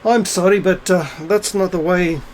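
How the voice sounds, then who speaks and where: A middle-aged man with a slightly high voice rants straight to camera in a loose, unscripted monologue. He is blunt and swears freely, wandering through thoughts with plenty of ums and restarts. A faint hiss sits under the recording. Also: fairly even intonation, normal speed, rough recording. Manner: blunt, profane, rambling with many fillers and restarts. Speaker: video blogger.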